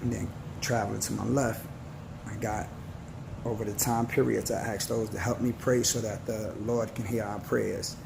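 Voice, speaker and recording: This vlogger in his 40s has a lowish voice with vocal fry and little pitch movement. He delivers a slow, slangy motivational talk to his viewers, earnest and preachy in tone, over noticeable background noise.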